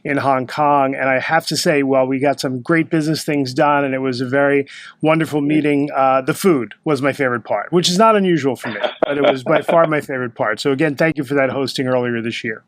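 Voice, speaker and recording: A man's voice: mid-range voice, brisk. A man hosting an interview podcast, speaking in a friendly, upbeat way. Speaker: podcast host.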